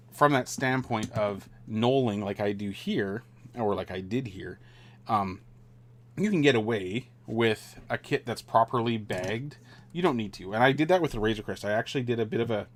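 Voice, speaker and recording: Low-voiced man chatting on a stream. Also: unhurried. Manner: rambling, relaxed, many fillers and restarts. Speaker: streamer building a model kit. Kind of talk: casual live-stream chat.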